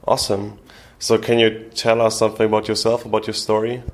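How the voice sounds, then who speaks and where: Lowish male interview host. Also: completely flat delivery, fairly quick, slight background noise. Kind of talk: interview questions.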